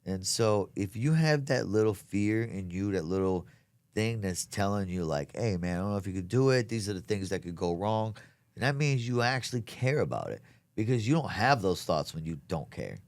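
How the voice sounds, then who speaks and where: A man's voice: lowish voice, expressive, normal speed, darkish tone, no echo. A man chatting casually as an interview guest, earnest and emphatic, with plenty of slang. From south Louisiana, United States. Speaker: comedian being interviewed. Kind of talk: casual chat.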